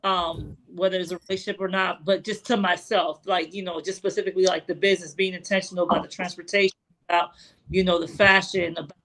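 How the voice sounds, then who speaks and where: A woman's voice: fairly low pitch, fairly even intonation, fast, fairly bright tone, low-quality recording. Late-40s woman on a podcast, lots of "you know", easygoing and reflective. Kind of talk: casual podcast conversation.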